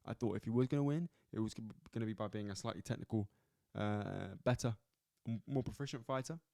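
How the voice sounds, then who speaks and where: A man hosting a solo sports podcast, reviewing fights in a loose, animated way, swearing and repeating himself as he goes. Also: on the low side, fast talker, creaky, no echo, clean studio sound. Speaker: podcast host. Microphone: camera at close angle.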